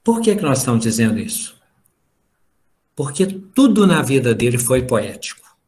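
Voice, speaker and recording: With a very animated, slightly mellow medium-pitched voice at normal speed, a middle-aged man tells family stories in an informal spiritual talk over a video call. He lectures for a spiritist study group and acts out the dialogue himself.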